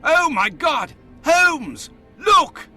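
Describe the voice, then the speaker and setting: An actor playing an earnest, excitable English gentleman doctor in a video game, formal and expressive. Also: very high-pitched, drawn-out words, soft background music, exaggerated voice. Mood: shocked. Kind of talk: video game cutscene acting.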